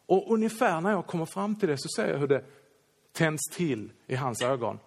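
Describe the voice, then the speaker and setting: A man, a Swedish pastor, telling a lively anecdote in a sermon and acting out the quoted lines. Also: on the high side, creaky, breathy edge. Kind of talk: sermon storytelling.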